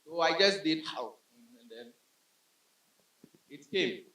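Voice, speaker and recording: Animated stand-up comic man, roomy club. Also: a little high, slow pace. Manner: animated storytelling with vocal sound effects. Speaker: stand-up comedian. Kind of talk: stand-up comedy set. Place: comedy club stage. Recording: roomy club sound from a distance.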